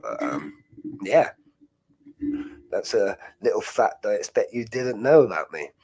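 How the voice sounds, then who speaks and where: A young British man hosts a casual livestream, rambling loosely and laughing often despite a chest infection. His voice sits on the low side, very animated yet unhurried, a little mellow with a breathy edge.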